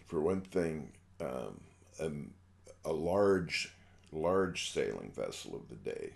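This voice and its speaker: Extremely deep, gravelly male historian. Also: sing-song, slow pace, darkish tone. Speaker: historian and author interviewee. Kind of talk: informal interview answers.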